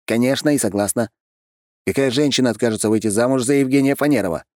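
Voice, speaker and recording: A man's voice: mid-range voice, fast, darkish tone, no room sound, clean studio sound, voice pushed up, natural voice. A man reading an audiobook, voicing a self-important young man who is boastful and secretive. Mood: smug.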